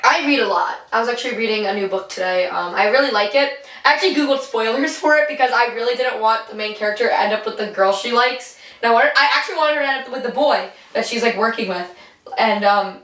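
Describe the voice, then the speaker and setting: A woman's voice: fairly high pitch, quick pace, fairly bright tone. A young woman co-hosting a podcast in casual chat, rambling and giggly with lots of slang. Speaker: podcast co-host. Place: bathroom, sitting in a bathtub. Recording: echoey bathroom, voice from a distance.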